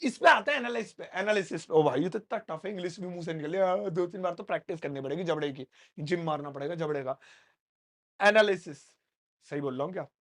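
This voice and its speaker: A man's voice: on the high side, quick pace, a bit bright. A man teaching an English grammar lesson in a classroom, explaining in a playful way with joking asides to his students. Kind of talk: spoken English lesson in Hindi.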